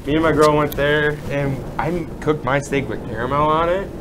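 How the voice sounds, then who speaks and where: A man's voice: a little high, normal speed. Laid-back joking male guest. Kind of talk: casual livestream chat. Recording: noisy room with background hum.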